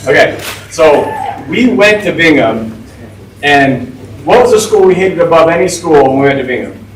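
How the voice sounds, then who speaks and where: A man's voice: on the high side, lively intonation, moderate pace, recorded from a distance, slight background noise. A man of about forty, giving a casual, informal talk to a class as a guest speaker, with lots of "like" and "right?". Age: 40s. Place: school classroom. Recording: echoey room, voice from off-mic.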